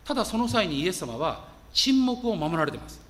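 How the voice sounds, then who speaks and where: Male pastor, high and animated sermon delivery, emphatic, reads scripture aloud; reverberant church hall. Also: fairly quick.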